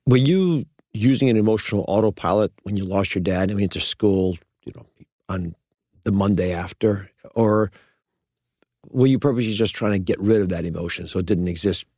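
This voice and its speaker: A man's voice: lowish voice, moderate pace, dark tone, no room sound, clean studio sound. A man hosting a podcast, asking hesitant interview questions with restarts. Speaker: podcast host.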